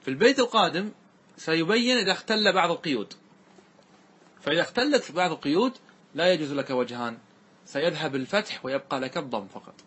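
With a bright, expressive voice on the high side and a breathy edge, this man lectures on grammar as in a classroom. He works through it step by step, frequently confirms students are keeping up, and delivers verses in a slow, deliberate recitation.

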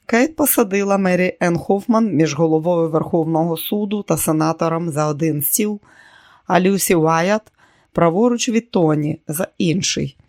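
An audiobook narrator reading a novel in a measured storytelling manner. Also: mid-range voice, a little mellow, no echo, studio quality. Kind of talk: scripted narration.

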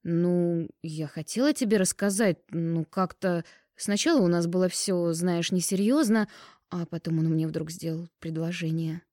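A woman's voice: on the low side, mellow, no room sound, studio quality, close to an everyday voice. A woman reading an audiobook and voicing a nosy young woman friend who teases, pouts and takes offence easily. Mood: flustered. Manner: teasing, indignant, quick to take offence.

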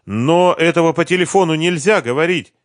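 A man reading an audiobook, voicing an excited gossiping woman neighbor on the phone. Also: low voice, brisk, no room sound, clean studio sound, pitched above the performer's own voice, natural voice.

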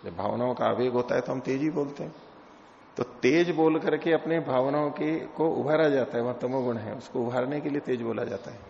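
A man with a gravelly, creaky voice teaches scripture, explaining patiently and asking rhetorical questions. He chants Sanskrit verses now and then. The sound is dull and lo-fi, with the long ring of a large hall. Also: mid-range voice, fairly even intonation, normal speed, darkish tone, a little hiss or hum. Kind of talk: scripture lecture.

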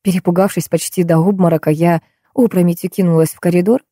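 A woman narrates a first-person audiobook in a steady storytelling manner. Her voice is low-set and mellow. It is recorded close on a dry studio mic. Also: fast, no echo.

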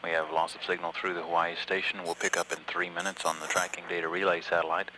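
A man giving measured, matter-of-fact mission commentary as a control room announcer, halting at times. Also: deep voice, little pitch movement, background noise. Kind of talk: public affairs mission commentary.

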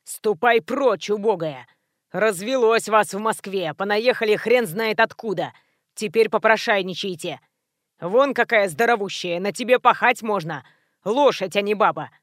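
A woman reading an audiobook, voicing a rude, coarse middle-aged man who yells and grumbles at his neighbor. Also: medium pitch, expressive, normal speed, dry recording, studio quality, lightly acted. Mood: rude shouting. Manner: shouting, coarse and dismissive.

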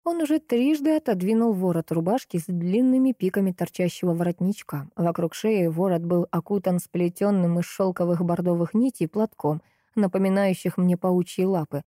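A woman reading a novel aloud in the first person, with steady storytelling. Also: on the low side, moderate pace, dry recording, clean studio sound. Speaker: audiobook narrator.

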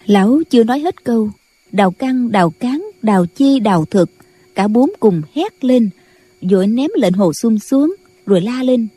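Husky woman narrating an audiobook. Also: fairly high pitch, animated, warm tone, dry recording. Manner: measured storytelling. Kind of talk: scripted narration.

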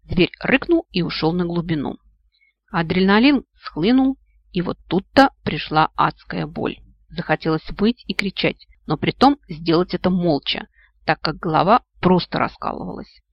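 A reader narrating a first-person fantasy audiobook in a lively way, exclaiming when voicing the heroine. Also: medium pitch, normal speed, creaky, no room sound. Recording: dry, muffled, dull-sounding recording.

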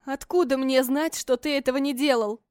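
A frightened young wife from an audiobook, voiced by a woman, pleading in a high, trembling voice. She sounds confused and tearful. The recording is close and dry, with no room echo. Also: steady tone, moderate pace, darkish tone, smooth, close to an everyday voice. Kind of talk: audiobook character reading.

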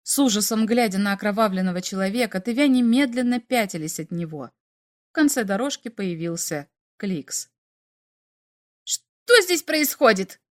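A woman narrating a story aloud in a lively, animated way. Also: mid-range voice, brisk. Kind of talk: expressive storytelling.

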